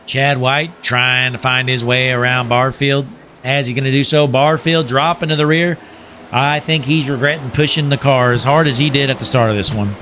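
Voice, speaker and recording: A man's voice: medium pitch, steady tone, normal speed, bright, forceful tone, slight background noise. A young man giving folksy play-by-play commentary on a sim race, joking and calling to "folks", while losing his voice.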